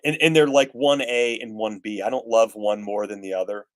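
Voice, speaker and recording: A man's voice: on the low side, steady tone, normal speed. A man in his fifties chatting casually as a guest guitarist, rambling with gear-nerd enthusiasm. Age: 50s. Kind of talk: casual chat.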